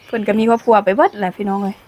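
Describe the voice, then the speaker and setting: A woman's voice: mid-range voice, steady tone, racing, darkish tone. A woman from Laos with a Lao accent chats casually through a cooking vlog outdoors in the sun, laughing often, filmed on a camera by her niece. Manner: chatty, laughs often while talking. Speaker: cooking vlogger. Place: outdoors in sunshine.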